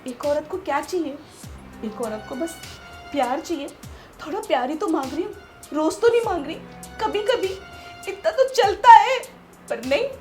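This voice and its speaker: An actress playing a lonely, manipulative young sister-in-law in a short film drama, coaxing and pleading. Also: female voice, high voice, darkish tone. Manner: coaxing, pleading, then bitterly scheming.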